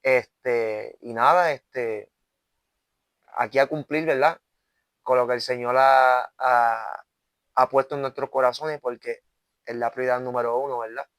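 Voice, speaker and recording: Unhurried and a bit bright, this medium-pitched male voice holds fairly even intonation, recorded with no room sound. The speaker is an earnest evangelist in his twenties from Puerto Rico with a Puerto Rican Spanish accent, sharing his testimony as an interview guest, full of restarts and repeated "¿verdad?" tags.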